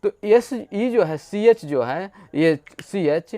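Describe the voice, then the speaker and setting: A man's voice: sits high, lively intonation, slow pace, mellow. A man teaching an English grammar lesson, explaining playfully and acting out little stories as he goes. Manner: playful, asks rhetorical questions, tells little stories.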